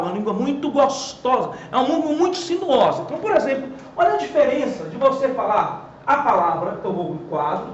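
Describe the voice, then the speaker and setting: A Portuguese teacher with a Brazilian accent and a very high voice gives a lively grammar lesson at a whiteboard, asking questions, answering them himself, and stressing key words. The audio is reverberant and dull, with slight background noise.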